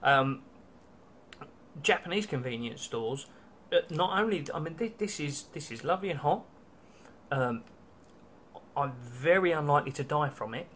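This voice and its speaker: A young British travel vlogger, speaking British English, films a casual food-tasting vlog in a small hotel room, chatty and wry with many ums and restarts. His fairly high, fairly bright voice is animated, at a moderate pace with long pauses, and slight background noise is audible.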